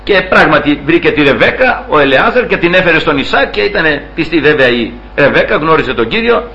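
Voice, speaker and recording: High, bright-voiced animated male preacher. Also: vocal fry, lo-fi sound. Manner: acts out quoted dialogue with raised pitch, laughs while telling. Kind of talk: storytelling sermon.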